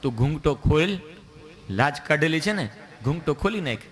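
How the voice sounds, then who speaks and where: A man voicing a calm village mother who speaks easily. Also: on the high side, normal speed. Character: calm mother of a mischievous boy.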